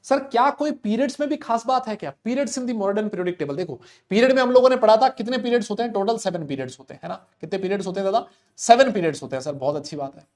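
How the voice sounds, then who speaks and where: A young male chemistry teacher giving an online class, chatty and loud, talking to students and voicing their questions himself. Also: sits high, expressive, quick pace.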